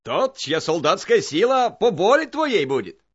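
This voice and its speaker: A man's voice: high voice, sing-song, a bit bright, breathy edge, dull audio, voice pushed up, exaggerated voice. A man voicing a cunning, cocky young soldier in a folk tale, speaking in a sly, teasing way. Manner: sly, teasing, quick-witted.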